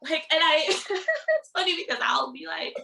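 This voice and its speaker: A woman guest in a casual interview, telling lively stories, acting out dialogue and saying "like" often. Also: very high voice, moderate pace, gravelly, slight background noise. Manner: animated storyteller, acts out dialogue, heavy use of "like".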